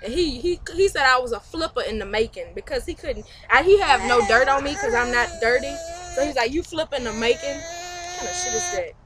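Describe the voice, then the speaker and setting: A young woman vlogging a call with a friend, talking loudly in slangy, teasing casual chat and laughing often. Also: high voice, animated, fairly quick, crowd noise. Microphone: computer webcam mic. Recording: noisy home webcam recording.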